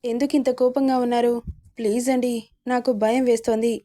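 An innocent, frightened young wife pleads anxiously in an audio story, as a woman narrator reads her. Her voice is fairly high and mellow, with a flat, even line. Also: fairly quick, natural voice. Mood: pleading.

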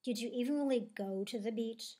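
A woman voicing a boisterous, excitable female toy ball who shouts eagerly. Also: a little high, brisk, natural voice. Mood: excited.

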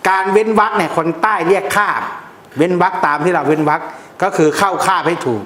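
Guy talking amulets, kinda high voice, blunt n slangy, echoey room. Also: fast talker, fairly bright tone. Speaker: amulet teacher. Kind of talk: casual explanatory talk.

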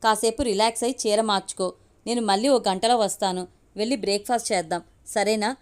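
A woman voicing a gentle, caring young woman who soothes and encourages her crying friend in an audio story. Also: medium pitch, brisk, clean tone, lightly acted. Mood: tender.

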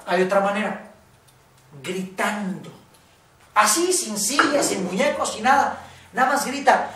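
A woman's voice: mid-range voice, a bit bright, a little hiss or hum. A woman with a Mexican accent teaching a casual workshop lesson, blunt and swearing freely, often checking in with "¿ok?". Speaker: workshop facilitator. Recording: echoey room from far off.

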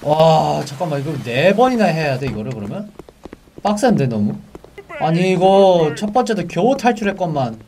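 A young man commentating a horror game for viewers, chatty and excitable, yelping and shouting when the game spooks him. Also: a little high, normal speed, distant mic, slight background noise. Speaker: game streamer.

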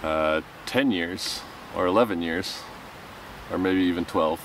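A deep-voiced American man talks slowly in a documentary interview. He is recorded a little away from the mic, outdoors among pines. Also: fairly bright tone, recorded from a distance, slight background noise, low-quality recording. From Colorado, USA. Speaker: packrafter.

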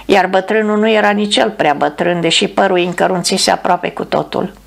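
A woman narrating an audiobook in a calm, measured reading. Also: mid-range voice, creaky.

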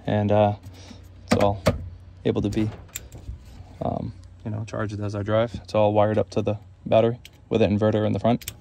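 A man's voice: lowish voice, monotone, normal speed, vocal fry, dark tone, slight background noise. A self-employed HVAC technician giving a casual, rambling tour of the gear in his work van, listing items with many fillers.

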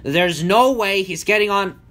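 A man voicing a protective, strong male Smurf who protests loudly. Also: high voice, a little slow, voice pushed up. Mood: protesting.

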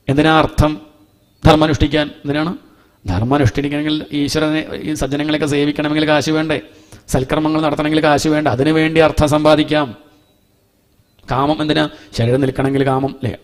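A middle-aged man teaches a devotional scripture lesson, chanting verses slowly and explaining them in a homely, conversational way. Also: mid-range voice, darkish tone. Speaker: Bhagavatam teacher.

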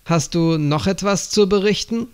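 A man voicing a calm, probing older male leader who questions his agents in an audiobook. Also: high voice, moderate pace, smooth, voice pushed up, natural voice.

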